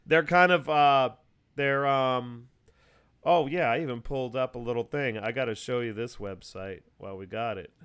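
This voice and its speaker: A man talking casually over a video call, walking his listener through a topic in long, wandering explanations. His voice is smooth and resonant at an ordinary middle pitch, full of "uh"s, "like"s and false starts. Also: normal speed, fairly bright tone. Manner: rambling, explanatory, many fillers and restarts. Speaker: host. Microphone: video call mic.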